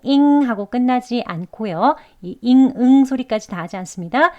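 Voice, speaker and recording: A woman teaching English pronunciation to learners, explaining patiently and repeating phrases slowly. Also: medium pitch, muffled recording. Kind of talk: pronunciation lesson.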